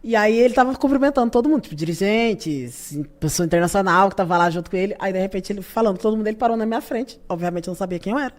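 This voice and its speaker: A Brazilian woman with a Brazilian Portuguese accent, a podcast guest telling animated stories full of laughter. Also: medium pitch, rapid-fire, few pauses. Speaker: guest, youth party leader. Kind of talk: casual storytelling interview.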